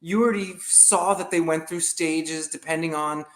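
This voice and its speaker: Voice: mid-range voice, fairly even intonation, moderate pace, roomy sound. A host in a casual chat, mostly giving short interjections and laughing along.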